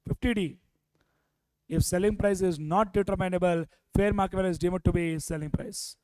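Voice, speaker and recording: A man's voice: high-pitched, steady tone, moderate pace, a little mellow, clear, resonant tone, dry recording, rough recording. A man with an Indian accent lecturing a revision class, prompting students with repeated questions and dropping Hindi phrases into his English. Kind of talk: interactive exam revision lecture.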